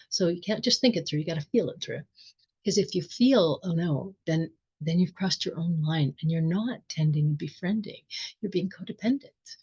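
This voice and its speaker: A middle-aged woman giving a reflective spiritual talk, gentle and thoughtful, with soft laughs and pauses. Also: lowish voice, husky, lo-fi sound. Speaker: spiritual teacher.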